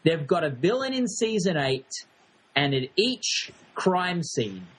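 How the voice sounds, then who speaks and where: A man co-hosts a casual podcast, weighing in with dry criticism. He speaks hesitantly and often restarts his sentences. His voice is husky and a little high. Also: big pitch swings, slow, a bit bright. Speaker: podcast co-host. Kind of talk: casual review chat.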